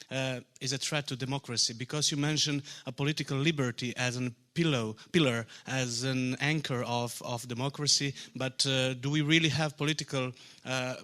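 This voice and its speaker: A man's voice: medium pitch, sharp tone. A young man in his twenties from Serbia, a Serbian-accented student whose first language is Serbian, hesitantly asking a question from the audience. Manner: hesitant, searching for words.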